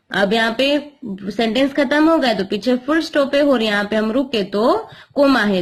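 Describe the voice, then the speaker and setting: A woman with a fairly high voice teaches a school grammar lesson online. She talks slowly and deliberately, pausing to explain each point and slipping English terms into her Hindi. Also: poor audio. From India. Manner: slow, explanatory, mixes English words.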